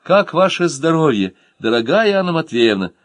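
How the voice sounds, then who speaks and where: A man voicing a naive, sentimental young poet who speaks in a gushing, high-flown way, in an audiobook. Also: expressive, moderate pace, no room sound. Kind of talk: audiobook character voice.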